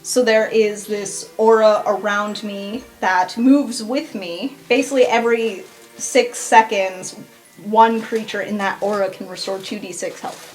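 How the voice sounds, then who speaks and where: A woman playing a tabletop game, excited and blunt and swearing casually. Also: medium pitch, a little slow, soft background music. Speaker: player.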